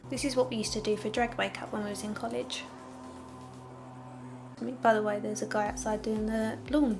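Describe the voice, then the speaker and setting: A woman's voice: medium pitch, fairly even intonation, a little fast, vocal fry, music in the background. A young woman talking through a makeup tutorial in a casual, candid way, with sarcastic asides.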